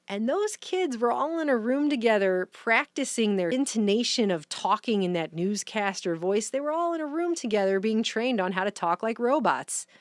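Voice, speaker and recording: A woman giving casual, sarcastic commentary in long, rapid run-on rants. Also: medium pitch, dry recording, studio quality. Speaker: vlogger, commentator.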